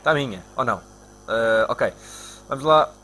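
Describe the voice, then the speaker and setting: A young man from Portugal with a European Portuguese accent, commentating his own football video game live and shouting at his players. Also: unhurried, a little hiss or hum. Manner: excitable, shouts at players and spikes into high-pitched cries. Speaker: gaming YouTuber.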